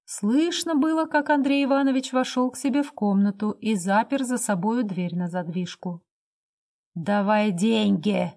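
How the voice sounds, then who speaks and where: A woman reads classic literary prose aloud for an audiobook. Her delivery is measured and expressive, and her voice sits fairly high for a woman. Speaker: audiobook narrator.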